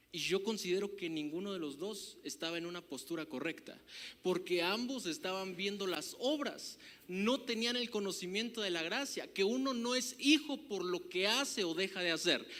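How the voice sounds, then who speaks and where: A man with a Mexican Spanish accent preaching a sermon as pastor, emphatic and rising to loud declarations, often asking the congregation to agree. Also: sits high. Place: church hall. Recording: live hall reverb.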